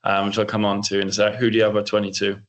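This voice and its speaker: A man's voice: on the low side, monotone, rapid-fire. A young man co-hosting a casual sports podcast, rambling with lots of ums and restarts. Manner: rambling, filler-heavy, many restarts. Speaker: co-host.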